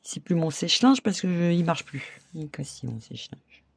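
Husky gravelly woman crafting tutorial. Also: fairly low pitch, expressive, moderate pace, no room sound. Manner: chatty, laughs often, addresses viewers directly. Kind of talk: casual craft tutorial talk.

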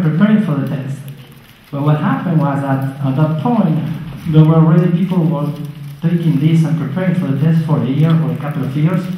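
A man in his forties from Argentina with an Argentine Spanish accent, giving a friendly talk with a handheld mic in a large lecture hall. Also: on the high side. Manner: friendly, joking with the audience. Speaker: guest speaker. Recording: very echoey hall, dull sound.

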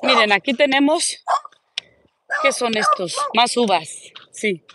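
A woman chatting casually into her phone while she walks outdoors, and she coos in a high voice at the dogs she passes. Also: animated, takes it slowly, heavy background noise. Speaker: vlogger. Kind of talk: casual walking vlog. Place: outdoors on a neighborhood street. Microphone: phone held while walking.

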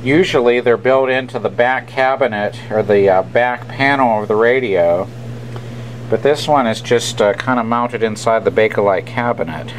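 This man repairs radios at an indoor workbench and explains the hands-on job as he goes, unscripted, casual and matter-of-fact. His voice is medium in pitch at a normal speed. The rough recording picks up a steady hum and room noise.

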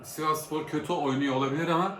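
A man's voice: on the high side, steady tone, fast talker. A man giving casual match reactions as a fan vlogger, repeating and rephrasing his points as he goes. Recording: echoey room with faint background noise.

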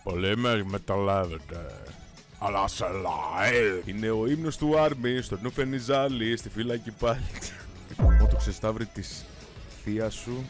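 A young man giving casual, excitable gameplay commentary, swearing and breaking into sudden shouts, his voice strained from shouting. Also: on the low side, faint music behind. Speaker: gamer streamer.

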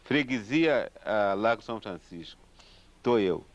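Brazilian man telling a lively anecdote. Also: fairly low pitch, unhurried. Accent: Brazilian Portuguese. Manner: animated, acts out the people in his story. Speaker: samba composer. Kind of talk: casual storytelling. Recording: dull lo-fi recording with faint guitar.

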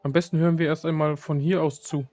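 Chatty little companion, man reading it aloud, slightly high, faint music. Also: flat delivery, fast, darkish tone, lightly acted. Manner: reads game lines aloud, with slips. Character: small chatty female floating companion.

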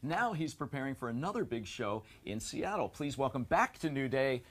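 A man co-hosts a morning talk show, his pitch leaping wildly from phrase to phrase. He drops wry, playful quips between segments. Faint noise sits under the studio audio. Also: very animated, normal speed.

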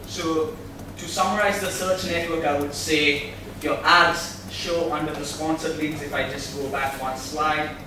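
A man presents unhurriedly at a tech meetup, standing at a podium in an echoing meeting hall, explaining ideas and asking the audience questions. His fairly high voice has a flat delivery. A far-off camera mic records the noisy, reverberant space.

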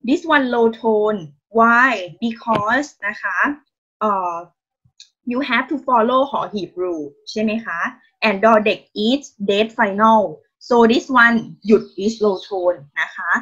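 A woman with a Thai accent teaches an online language class, speaking very slowly and patiently in a fairly high voice. She keeps encouraging her students with praise and polite particles. The video call audio sounds dull and muffled. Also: fairly bright tone. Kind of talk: online Thai lesson, mixing Thai and English.

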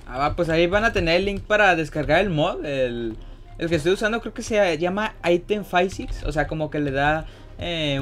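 Young man, gaming commentary, chatty, swears freely, higher voice, faint music behind. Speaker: gaming YouTuber host.

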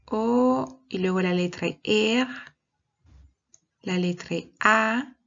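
Slow, patient woman teacher, lo-fi mic. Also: mid-range voice, creaky, fairly bright tone. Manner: slow, patient, step-by-step instructions. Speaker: kindergarten teacher. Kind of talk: bilingual recorded lesson for young children. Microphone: computer microphone.

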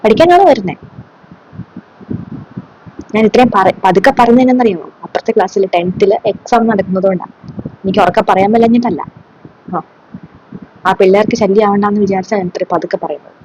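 A woman's voice: mid-range voice, a little fast, pauses often, darkish tone, a little hiss or hum, close to an everyday voice, poor audio. A woman playing a strict schoolteacher who lectures and scolds her class sarcastically. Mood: lecturing. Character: strict scolding female schoolteacher, middle-aged. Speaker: comedy sketch creator. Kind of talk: solo comedy sketch.

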